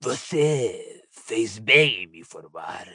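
A man doing a cold, cruel dark lord. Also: fairly low pitch, very animated, no room sound, studio quality, voice pushed down, exaggerated voice. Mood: cold menace. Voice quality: cold, creaky and husky. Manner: slow, quiet and icy menace. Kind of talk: audiobook character voice.

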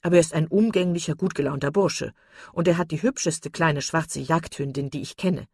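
A woman reading the part of a hearty, blustering country squire, blunt and loud. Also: sits low, fairly quick, husky, dry recording, clean studio sound.

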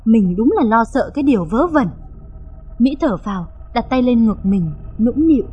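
A woman narrating a dramatic audio story in an expressive, measured reading. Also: a little high, breathy edge, muffled recording.

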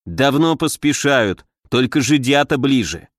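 A man voicing a cryptic old hermit sage who speaks slowly in a resonant voice. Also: mid-range voice, animated, no echo, studio quality, close to an everyday voice. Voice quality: resonant, slow and measured.

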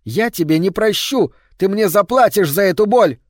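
Creature girl, sweetly luring, high and bright; a male audiobook reader voices her. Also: measured pace, no echo, clean studio sound. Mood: vengeful. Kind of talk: audiobook narration.

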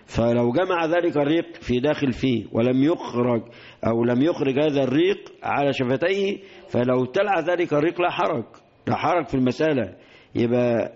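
Fast-talking Egyptian sheikh teaching. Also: male voice, mid-range voice, a little mellow, muffled recording. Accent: Egyptian Arabic. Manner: explanatory, repeats key phrases, colloquial asides between classical quotes. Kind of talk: religious lesson explaining a hadith collection.

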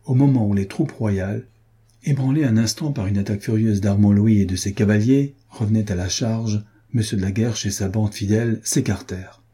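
A man reading an audiobook in a steady, measured way. His voice is low and very dark, with a husky grain. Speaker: audiobook narrator. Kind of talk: scripted narration.

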